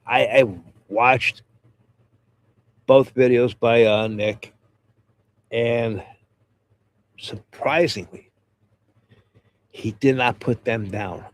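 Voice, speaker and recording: A man's voice: mid-range voice, fairly even intonation, extremely slow, long pauses. Rambling man with a head cold. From Pennsylvania. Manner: rambling, repeats words, friendly. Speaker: DJ and channel host; talking gear with viewers. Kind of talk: casual livestream chat.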